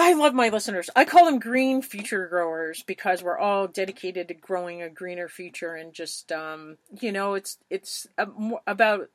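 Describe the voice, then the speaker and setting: A woman's voice: mid-range voice, a bit bright. A woman hosting a podcast in a loose, chatty manner, often rambling off on side stories. Her voice sits in the middle range and sounds close and dry, with almost no room echo. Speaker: podcast host. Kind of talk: casual interview chat.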